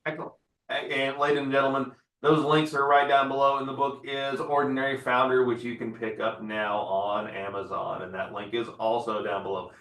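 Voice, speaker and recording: A man's voice: mid-range voice, flat delivery, brisk, a bit bright. A man hosting an interview, closing with polished, upbeat remarks. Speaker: podcast host. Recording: echoey and distant from the mic.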